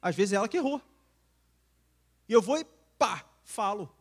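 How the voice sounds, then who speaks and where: Brazilian male preacher, casual sermon voice, slightly high pitch, chatty then tender. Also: expressive, moderate pace. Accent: Brazilian Portuguese. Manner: conversational, acts out quarrels, drops to soft intimate tone. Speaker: singer preaching at church. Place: church.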